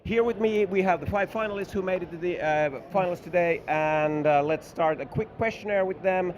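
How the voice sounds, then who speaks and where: Slightly high-voiced host. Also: male voice. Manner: halting, many filler sounds. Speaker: tournament host. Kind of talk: live stream hosting. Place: convention room.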